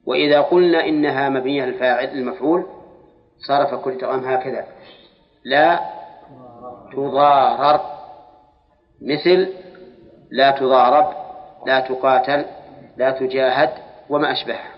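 A man's voice: medium pitch, fairly even intonation, a little fast, long pauses. Male religious teacher, lecture style, stretches words to quiz his class, muffled hall recording with a lingering echo. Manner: questions students, drawls words for emphasis. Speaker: Islamic scholar teaching Quran exegesis. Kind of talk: classroom lecture on Quranic grammar.

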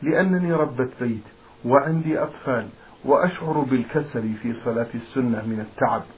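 A man hosts a radio programme in formal Standard Arabic, reading questions at a quick clip with polite deference. His mid-range voice comes through a thin, phone-like band with faint noise behind it. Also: mid-range voice. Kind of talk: formal broadcast presenting, reading out listeners' questions.

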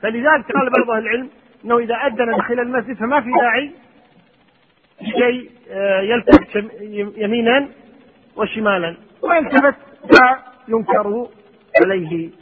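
A man's voice: very high voice, brisk, pauses often, breathy edge. A man teaching Islamic law, reading lines from a text and explaining them with questions to his students. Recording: tinny phone-like audio with long hall reverb.

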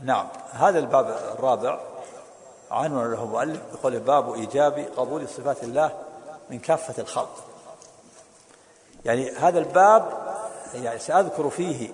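A man teaching a classical religious text, explaining it quickly, repeating words and correcting his reader. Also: mid-range voice. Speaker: teacher of hadith. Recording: echoey hall.

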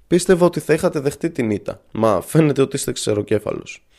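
A man voicing a calm young male student who argues patiently and politely with his professor. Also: medium pitch. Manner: steady, patient, polite arguing.

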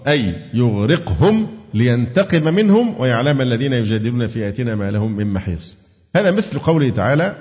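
Egyptian male teacher, Quran commentary lesson, asks and answers his own questions, dull lo-fi sound, long hall echo. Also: medium pitch. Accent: Egyptian Arabic. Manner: asks students questions and answers them himself.

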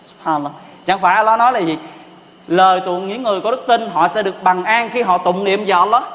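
A man's voice: high-pitched, fast talker, fairly bright tone. A man giving a storytelling sermon, asking rhetorical questions and repeating pious exclamations. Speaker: preacher. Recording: long reverb of a hall.

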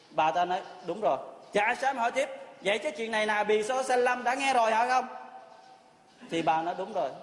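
A man telling a religious story as a sermon, earnestly retelling events and acting out the quoted dialogue. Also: high voice. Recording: echoey hall.

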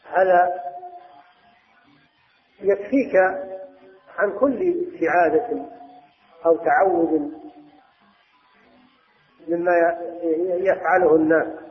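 A man giving a measured religious lesson as a scholar, explaining step by step with some restarts. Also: sits high, faint music behind. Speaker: Islamic scholar. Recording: echoey hall over tinny phone-like line.

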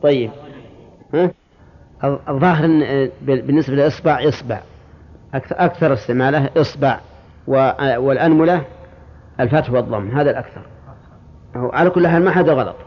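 Man teaching a class on a lo-fi recording. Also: mid-range voice. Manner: quizzes students, repeats word forms slowly; slips into colloquial asides. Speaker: religious scholar teaching a class. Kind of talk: classroom lesson, explaining a text. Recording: dull lo-fi lesson recording.

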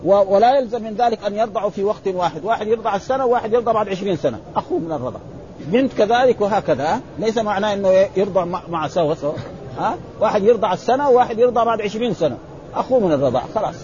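Speaking very fast in a high, darkish voice, a male religious teacher reads from classical texts and breaks into colloquial explanations, frequently using "ha" as a filler and correcting himself. There's slight background noise in this slightly dull, lo-fi recording.

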